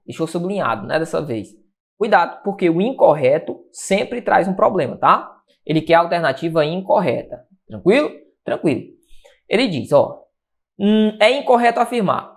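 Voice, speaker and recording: A man teaching an exam-prep grammar lesson, energetic, asking and answering his own questions. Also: high voice. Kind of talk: lively exam-prep lecture.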